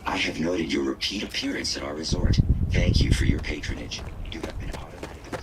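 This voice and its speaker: A humble, courteous robot butler who attends to resort guests in formal, servile phrases. The voice sits extremely low, and heavy background noise runs beneath it in this game recording. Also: male voice, fairly even intonation, a little fast. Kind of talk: video game character dialogue.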